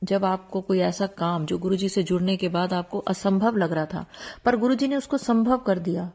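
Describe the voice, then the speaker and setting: Earnest devotional host, a middle-aged woman with a warm, mellow voice who pleads and repeats herself. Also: mid-range voice, fairly even intonation, normal speed. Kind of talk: devotional talk to followers.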